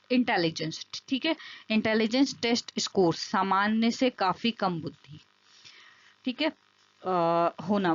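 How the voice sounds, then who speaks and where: A woman's voice: a little high, no echo. A woman teaching special education through an online exam-prep lecture over slides. She explains step by step, repeats key terms and keeps checking that the listener follows. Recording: dull lo-fi dry recording.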